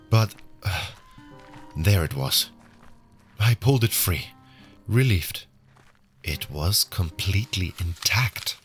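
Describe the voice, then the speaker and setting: A man playing a newly arrived, wary prison inmate who narrates his own story in a measured audio drama style. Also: on the low side. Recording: music under the voice.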